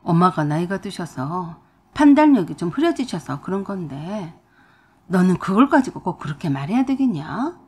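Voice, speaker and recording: A woman's voice: lowish voice, sing-song, moderate pace, a little mellow, breathy edge, pitched below the performer's own voice. A woman voicing a young husband who is curt and defensive toward his wife and mother, in a radio drama reading. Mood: exasperated.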